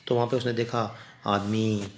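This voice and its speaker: A man's voice: lowish voice, little pitch movement, moderate pace, slight background noise. A man teaching a class. He reads an English story line by line, then explains it and spells out words. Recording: roomy echo.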